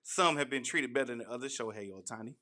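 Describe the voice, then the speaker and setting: A man's voice: mid-range voice, fast talker. A man co-hosting a casual sports podcast, leading the rundown with playful, joking banter. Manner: loud, playful banter, leads the show. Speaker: podcast co-host.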